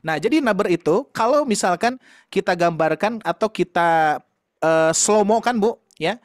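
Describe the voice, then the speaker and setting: A man's voice: high voice, lively intonation, normal speed, no room sound, clean studio sound. A man teaching Quran recitation in an online class, explaining patiently and demonstrating sounds with light laughs.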